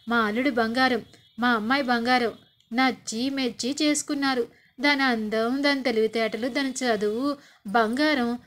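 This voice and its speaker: A woman voicing a scheming older mother who taunts and mocks in a scornful tone. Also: sits high. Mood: defensive. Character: scheming older mother, mocking and sharp-tongued.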